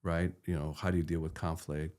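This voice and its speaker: With a low-pitched, slightly mellow voice, a level tone, and a fairly quick pace, a middle-aged Peruvian co-host joins a podcast discussion. His manner is earnest and probing, and he often repeats a word when starting.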